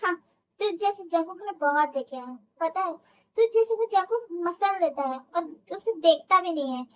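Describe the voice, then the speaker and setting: A woman's voice: very high voice, lively intonation, moderate pace, fairly bright tone, rough recording. A woman voicing a bossy young male company boss and doting husband in a fan audio drama. He gives orders bluntly and teases his wife. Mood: commanding.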